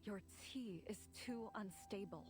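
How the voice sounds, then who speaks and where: A wise female martial arts master in a video game, played by a woman, speaking calmly and firmly like a teacher. Her pitch is mid-range and even. Clear game music runs beneath her. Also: unhurried, lightly acted. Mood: stern. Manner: calm, instructive. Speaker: grand master.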